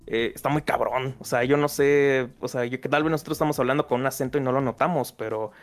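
A man's voice: medium pitch, fairly even intonation, quick pace, faint music behind. Chatty young Mexican man, laughing often. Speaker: podcast host. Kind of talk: casual chat.

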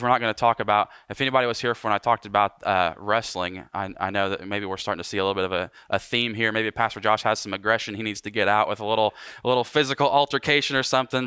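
Casting: young male pastor, bright and forceful, dry close sound, animated sermon delivery. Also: on the low side, smooth, dry recording. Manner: animated preaching, slows for emphasis.

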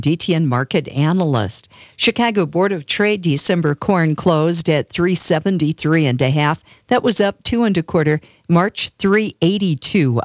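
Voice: medium pitch, no room sound, studio quality. A radio market reporter reading a scripted list of commodity closing prices.

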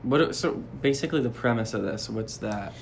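A man's voice: medium pitch, fairly quick, gravelly, slight background noise. A man co-hosting a podcast, laughing often and riffing playfully in casual banter. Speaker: podcast co-host.

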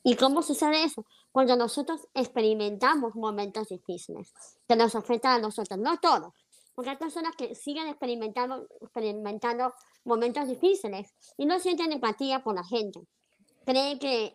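A woman's voice: a little high, lively intonation, moderate pace. A woman co-hosting a talk show, explaining her view in a hesitant way with many fillers as she thinks aloud. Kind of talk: conversational talk show discussion.

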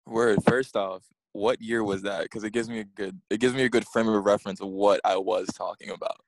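Again a guest, this Queens-born music blogger keeps the interview chat relaxed and pokes fun at himself. He talks a little fast in a fairly low, evenly pitched voice with vocal fry. There's no echo, though the recording quality is low.

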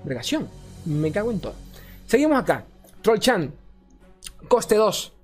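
Over faint background music, a card game content creator with a voice that sits high reviews game cards in an offhand, chatty way at a measured pace. He gets worked up, curses liberally, and keeps tripping over names that slip his mind.

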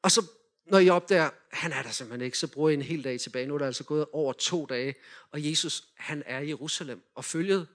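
A man in a lively sermon, retelling a Bible story and directing volunteers as they act it out. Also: fairly high pitch. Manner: animated, directs volunteers with quick cues.

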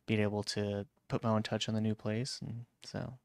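A man's voice: on the low side, flat delivery, normal speed, gravelly, no room sound, clean studio sound. A man co-hosting a casual podcast, laid-back and agreeable. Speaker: podcast co-host. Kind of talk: casual chat.

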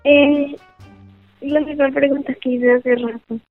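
A woman's voice: sits high, steady tone, slow, no echo, soft background music. A woman asking questions apologetically in casual podcast chat. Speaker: podcast co-host. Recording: phone-like dry call audio.

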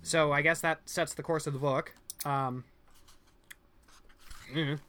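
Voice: mid-range voice, fairly even intonation, slow pace, pushed and bright. A co-host of a casual book discussion podcast who talks loosely and bluntly, with casual swearing and frequent fillers. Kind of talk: casual chat.

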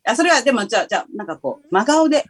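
A woman's voice: medium pitch, sing-song, racing, slightly rough, dry recording. A woman with a Kansai accent, chatting casually as a guest, teasing and laughing often. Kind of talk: casual chat.

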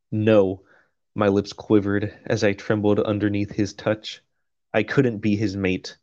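A man's voice: on the low side, flat delivery, takes it slowly, pauses often, darkish tone, no room sound, dull audio. A man co-hosting a podcast, reading a novel aloud and breaking off for profane jokes and laughter. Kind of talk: casual chat and reading aloud.

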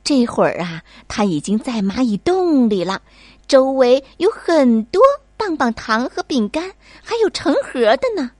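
A woman narrating a bedtime story for children in a slow, soft, sing-song way. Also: sits high, big pitch swings, no echo, studio quality.

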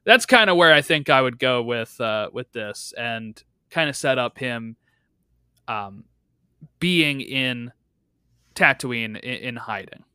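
Young guy hosting a podcast, bright crisp voice, rambly and full of uhs, dry sound. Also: expressive, takes it slowly, no echo. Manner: rambling, filler-heavy pitching of ideas. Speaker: podcast host. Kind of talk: casual podcast chat.

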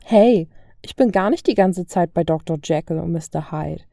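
A woman's voice: on the low side, normal speed, vocal fry, warm tone, no echo, clean studio sound. A woman reading a story aloud, voicing a cheeky, tough young woman who banters and boasts playfully. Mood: boastful, playful. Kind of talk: audiobook reading of fan fiction.

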